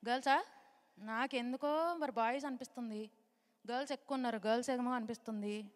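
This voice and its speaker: A woman leads a children's Bible class, talking fast and urging the kids on in a lively, coaxing way. Her voice sits a little high. It rings with the long echo of a hall. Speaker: Sunday school teacher.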